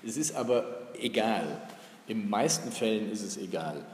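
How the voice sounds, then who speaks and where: Low-voiced man lecturing in an echoey hall. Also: moderate pace. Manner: relaxed, thinking aloud with many fillers. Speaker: university lecturer. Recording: roomy echo in a lecture hall, faint room noise.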